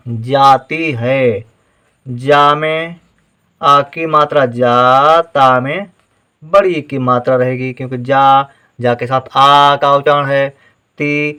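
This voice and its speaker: A man's voice: a little high, sharp tone. A man teaching Hindi writing in a patient, step-by-step spelling lesson, sounding out each syllable and checking in with "theek hai" as he goes.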